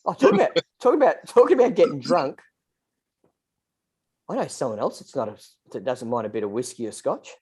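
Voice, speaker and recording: A man co-hosts a relaxed podcast conversation. He keeps things light, teasing the others and setting up jokes in a mid-range, everyday voice. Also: medium pitch, a little fast, pauses often, breathy edge. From Australia. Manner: teasing, jokey. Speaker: podcast co-host. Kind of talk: casual chat.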